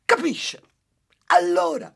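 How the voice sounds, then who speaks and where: A man's voice: very high-pitched, slow pace, vocal fry, voice pushed up, heavily acted. A man voicing a frantic, self-pitying housewife from a fairy tale, wailing her complaints. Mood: exasperated.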